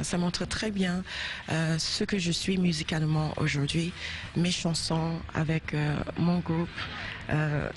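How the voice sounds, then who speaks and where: A singer from South Carolina, USA, gives a French-language interview in a deep voice, with slight background noise. English is her first language and her accent is American. She comes across as thoughtful yet hesitant, using many fillers and restarts.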